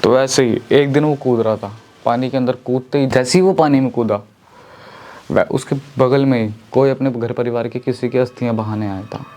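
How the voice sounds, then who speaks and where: A man's voice: medium pitch, fairly even intonation, normal speed, a little mellow. A man telling a horror story in a casual, chatty way, speaking to his listeners as friends. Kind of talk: casual spoken horror narration.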